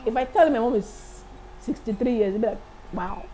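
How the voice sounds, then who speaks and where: A woman in her late thirties, a singer and accountant, chatting as an interview guest in a lively, enthusiastic way. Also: fairly high pitch, fairly quick, a little hiss or hum, poor audio. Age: 30s. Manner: lively, laughs often, enthusiastic. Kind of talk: casual interview chat.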